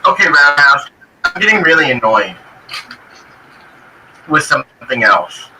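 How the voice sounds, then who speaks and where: A man's voice: fairly high pitch, big pitch swings, a little slow, distant mic. A man chatting casually on a live stream, his voice coming through a poor microphone that makes it sound tinny and metallic. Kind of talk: casual chat. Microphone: cheap microphone over an online streaming call. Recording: tinny call audio with faint noise.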